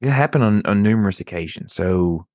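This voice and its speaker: A man's voice: fairly low pitch, animated, brisk, darkish tone, no room sound. A man talking casually as a podcast co-host, telling things in a conversational way.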